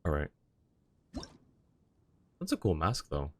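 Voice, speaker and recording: A rumbling low voice, slow and backed by a little hiss or hum, belongs to a tired man streaming a game late at night. He keeps up casual gameplay chat, mumbling in a relaxed manner and reading game text aloud.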